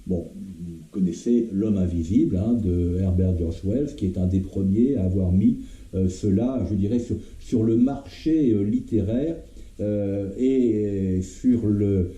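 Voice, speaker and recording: A man's voice: fairly low pitch, a little slow, warm tone. Hesitant male literature lecturer. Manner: hesitant, many fillers and repeats. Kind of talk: lecture with a read-aloud passage. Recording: roomy, dull lo-fi recording.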